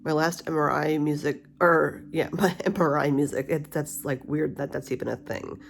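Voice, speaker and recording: A woman's voice: sits low, moderate pace, creaky. A middle-aged woman with a slight lisp from wearing a retainer, chatting candidly and ramblingly in a casual personal vlog. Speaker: vlogger. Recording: steady humidifier hiss and faint spa music. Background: cool mist humidifier, soft spa music.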